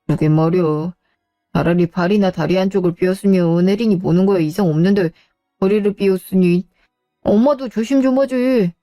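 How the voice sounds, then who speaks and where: A self-pitying grown son, played by a woman in a radio drama, whining defensively about how hard his life is. The voice is mid-pitched with a dark, mellow tone. It sounds dry, with faint music behind it. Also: steady tone, moderate pace, no echo, natural voice. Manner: whiny, defensive complaining.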